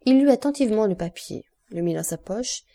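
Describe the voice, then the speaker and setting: A woman narrating a classic novel as an audiobook, in a measured, even storytelling manner. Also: medium pitch. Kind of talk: scripted literary narration.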